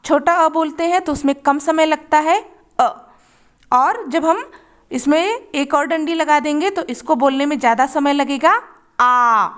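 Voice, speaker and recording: A woman teaching children to read, patiently sounding out letters and syllables one by one. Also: sits high. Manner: slow, patient, drawing out sounds. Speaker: Hindi reading teacher. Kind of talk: children's phonics lesson.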